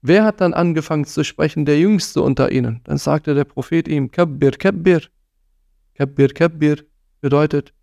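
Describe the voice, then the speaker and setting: A man's voice: fairly high pitch, brisk, vocal fry, few pauses, darkish tone, no room sound, studio quality. A man giving an earnest religious talk on parenting, admonishing his listeners and sprinkling in Arabic phrases. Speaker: preacher.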